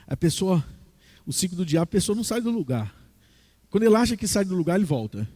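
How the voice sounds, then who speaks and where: A man preaching a sermon as a pastor in a church, animated, acting out the voices in his teaching. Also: high voice, fast, breathy edge.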